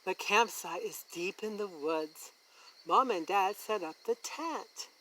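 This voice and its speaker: A woman reading a children's picture book aloud as a story time host, in a deliberate, expressive way that points things out to young listeners. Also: medium pitch, slight background noise, rough recording. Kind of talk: children's read-aloud narration.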